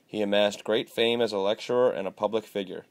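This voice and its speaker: A man's voice: fairly low pitch, steady tone, fairly quick, clear, resonant tone, lightly acted. Man playing a folksy 1890s country fellow. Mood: lecturing. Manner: folksy and rambling, drawling country slang. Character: folksy 1890s small-town Missouri man, time-displaced. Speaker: student presenter in character. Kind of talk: acted monologue for a class project.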